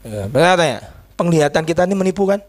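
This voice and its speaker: A man pastor preaching a sermon, telling stories and swinging between low asides and shouted peaks. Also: sing-song, quick pace.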